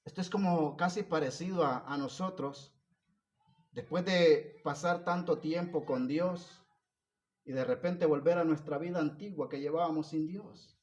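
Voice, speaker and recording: A man preaching a sermon, moving between loud emphatic stretches and soft hushed ones, asking the congregation repeated questions. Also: on the high side, unhurried.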